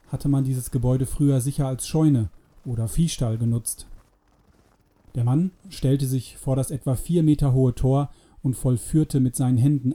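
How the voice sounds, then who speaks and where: A man narrating an adventure story in a calm, measured audiobook reading. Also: medium pitch.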